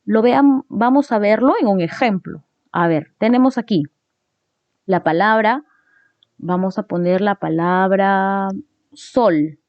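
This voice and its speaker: A woman's voice: medium pitch, slow, no echo. A woman teacher explaining a grammar lesson step by step, often checking in with tag questions. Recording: dull lo-fi recording.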